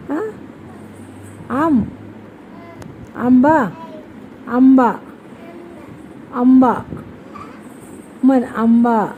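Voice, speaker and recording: A young mother, coaxing her toddler in a slow, sing-song voice and repeating her questions. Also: high-pitched, a little mellow, a little hiss or hum, rough recording. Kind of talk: casual coaxing chat with a small child.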